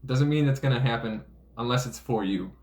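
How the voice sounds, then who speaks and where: A man's voice: medium pitch, a little fast, a little mellow. A man speaking as a veteran police officer, giving casual explanatory commentary in a blunt, profane way. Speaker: police officer breaking down a DUI arrest video. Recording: roomy echo, faint background noise.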